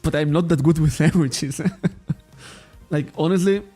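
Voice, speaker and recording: A native Catalan speaker from Spain runs a trading card shop livestream, chatting casually in English with a Catalan accent. He rambles, laughs often and corrects himself, his slightly high voice warm and unhurried. Soft music plays behind him.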